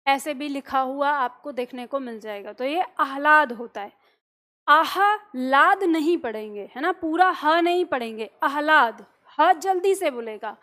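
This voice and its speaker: A woman teaching an online class, explaining step by step, dictating notes slowly and asking the students questions she then answers herself. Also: sits high, fairly bright tone. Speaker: Hindi teacher.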